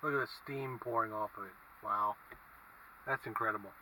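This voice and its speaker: A man talks through a casual food review in a very bright, edgy voice. He muses haltingly between bites inside a car. The mic sits at a distance, and faint traffic noise runs underneath. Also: fairly low pitch, fairly even intonation. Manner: halting, musing. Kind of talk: casual vlog review, talking while eating. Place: inside a parked car with windows down.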